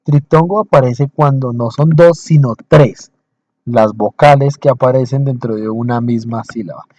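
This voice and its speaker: A male teacher talks through a recorded lesson in short phrases, pausing often and repeating himself to drive each point home. His voice sits in an ordinary middle register. The recording sounds dry and slightly dull. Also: medium pitch, a little mellow, no room sound. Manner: explains slowly in short phrases, checks in with listeners. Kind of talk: recorded lecture over slides.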